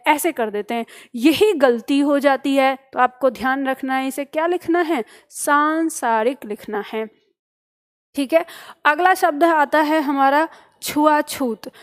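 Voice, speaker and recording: A woman teaching a spelling lesson to exam students, explaining step by step and often checking that they follow. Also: high voice. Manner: asks questions and answers them herself. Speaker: Hindi teacher.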